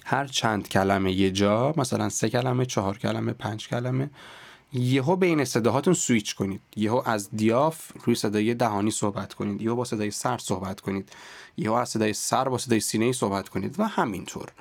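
A man teaching a podcast lesson on voice and speech, explaining calmly and sometimes dropping to a near-whisper to demonstrate. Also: fairly low pitch, creaky, dry recording. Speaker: voice and speech coach.

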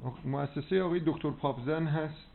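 A man's voice: on the high side, vocal fry. A man giving health advice as a doctor on a phone call, preachy and insistent, checking that he is understood. He is heard over a landline phone line. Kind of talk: phone consultation. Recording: tinny phone line with faint hiss.

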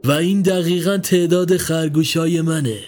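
A man voicing a kindly older man who keeps a basket of rabbits, asking slow, teasing, coaxing questions. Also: fairly high pitch, fairly even intonation, a little mellow, a little hiss or hum, close to an everyday voice.

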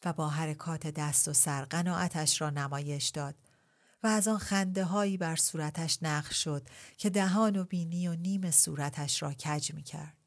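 A woman reading a literary novel aloud in a measured, reflective way, posing rhetorical questions. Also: low voice, steady tone. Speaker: audiobook reader. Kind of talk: literary story narration.

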